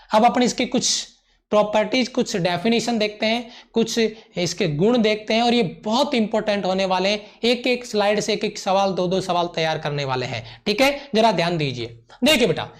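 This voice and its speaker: A man teaching a live online physics class, repeating each point and gently calling his students "beta". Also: extremely high pitch. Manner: mixes English terms into Hindi.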